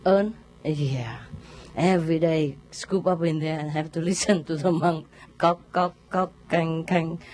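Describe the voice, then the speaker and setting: Her voice is deep, with slight background noise behind it. She's a laughing spiritual teacher spinning a casual story, full of animated sound imitations.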